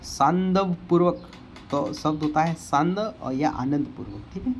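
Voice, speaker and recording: A man's voice: a little high, slight background noise. A man teaching a Hindi grammar lesson for exam preparation, explaining word by word and repeating the wrong and right forms of each word. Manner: explains slowly, repeating words and correcting spellings.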